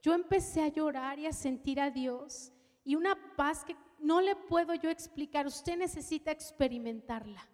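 A woman preaching a personal testimony, telling her story with strong emotion and dropping to a hush at tender moments. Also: high voice, normal speed, big-room sound. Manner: emotional storytelling, shifts from loud to hushed. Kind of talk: testimony sermon.

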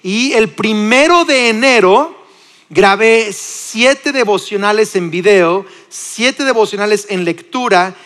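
A man in his forties with a Mexican accent, preaching a sermon in a lively, conversational way with frequent restarts. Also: sits high, takes it slowly, big-room sound. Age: 40s. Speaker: pastor. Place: church.

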